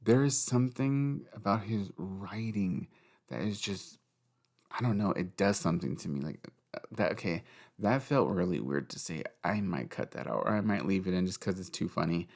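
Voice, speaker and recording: Low gravelly-voiced man, rambling podcast chat. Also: lively intonation, moderate pace, darkish tone. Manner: rambling, giggly, swears freely. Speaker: podcast host. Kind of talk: casual solo podcast chat.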